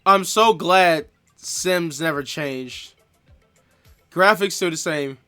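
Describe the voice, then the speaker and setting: A man's voice: on the high side, slow, bright, forceful tone, smooth, soft background music. A male streamer making sarcastic, mocking asides while watching a show. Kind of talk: casual stream commentary.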